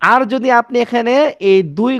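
A man with a high voice teaches an Arabic pronunciation class. He goes slowly, repeats each word and keeps asking if his students follow. The sound is close and dry, with no room echo. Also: fairly even intonation, fairly bright tone. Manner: explains slowly, repeats words, checks with students.

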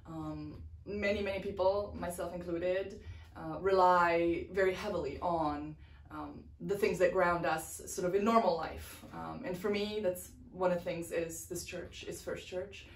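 A woman's voice: lowish voice, fairly even intonation, measured pace. A woman in her forties, president of a parish board, making a hesitant church announcement with many ums, recorded by a far camera in an office. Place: church office with bookshelves, indoors. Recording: roomy sound from a distance.

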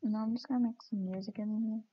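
A woman's voice: fairly high pitch, fairly even intonation, fast talker, breathy edge, highs cut off. A woman streaming her gameplay, chatting casually and mocking herself with giggles as she plays.

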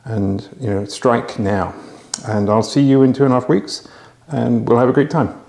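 A man's voice: mid-range voice, steady tone, moderate pace, creaky, darkish tone, echoey room. A middle-aged man hosting a magic auction, talking casually to camera in a home bar room with a lapel mic, chatty and full of restarts. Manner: chatty, hesitant with restarts and fillers. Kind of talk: casual promotional talk to camera.

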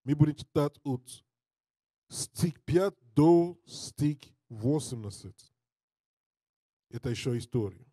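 A man preaching and reading scripture in non-native Russian with a foreign accent, halting and repeating his phrases. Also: on the high side, expressive, dark tone, slightly rough, no room sound. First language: not a native Russian speaker. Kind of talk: Bible teaching with scripture reading. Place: indoor studio with draped backdrop. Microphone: handheld mic held close.

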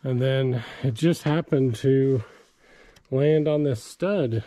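A man's voice: medium pitch, slow, dark tone. A middle-aged man giving a casual, rambling walkthrough of his basement build, with lots of "um"s, recorded on an action camera in an unfinished basement. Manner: rambling, filler-heavy explaining. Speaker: DIY vlogger. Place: unfinished basement under construction.

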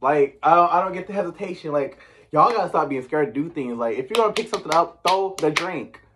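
A man's voice: on the high side, lively intonation, fast talker, background noise. Chatty sassy man recapping a show. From US East Coast. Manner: chatty and sassy, heavy use of "like" and slang asides. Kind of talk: casual chat recap.

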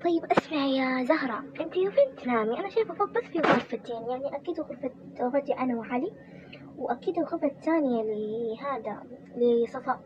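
Quick and expressive, a high-pitched woman voices a tired young wife in a toy role-play, grumbling about her in-laws as she chats. Background noise and a muffled quality mark the audio.

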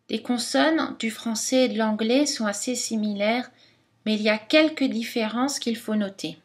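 A woman teaches phonetics at an unhurried, measured pace. She pronounces each sound carefully as she demonstrates it. Her voice sits at a middle pitch. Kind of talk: scripted lesson narration.

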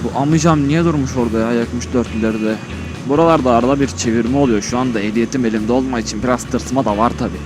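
Fast and mid-range in voice, the man vlogs casually from his helmet as he rides, wandering from thought to thought. Music and road vehicles play behind him outdoors.

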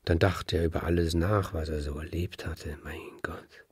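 A man telling a fairy tale aloud in a deliberate way, now and then asking his listeners a question. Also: low-pitched, fairly even intonation, a little mellow, slightly rough, dry recording, studio quality. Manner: slow, deliberate, addresses listeners directly. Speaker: storyteller.

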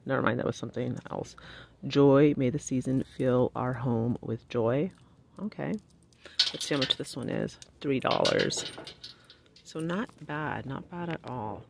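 A woman's voice: very deep voice, a little slow, creaky, darkish tone, a little hiss or hum. A woman, chatting casually through a store as she shows off cute finds on a handheld phone. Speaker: shopping vlogger. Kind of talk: casual shop-with-me commentary. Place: retail store aisle. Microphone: handheld phone camera.

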